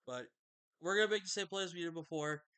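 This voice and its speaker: A man's voice: sits high, animated, fast, a bit bright, clean tone. A man giving casual commentary over his own online game match, sleepy and yawning late at night, talking in a loose, chatty way with fillers and self-corrections.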